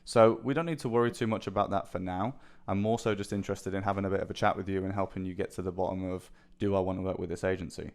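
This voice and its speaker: Low, flat-toned man pitching on a call. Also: fast, few pauses. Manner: persuasive, business-like, checks for agreement. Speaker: agency sales caller. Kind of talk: sales pitch over a phone call.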